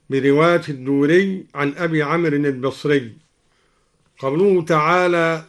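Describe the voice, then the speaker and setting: A man with a somewhat high voice gives a formal lesson from a radio studio. His explanations are measured and careful. Each example is chanted slowly and melodically. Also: a bit bright. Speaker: Quran reading teacher on radio.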